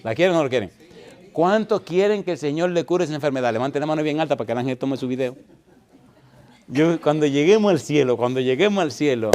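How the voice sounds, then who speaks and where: A man's voice: a little high, fast talker, darkish tone. A middle-aged man preaching a sermon as pastor, emphatic and often firing questions at the congregation.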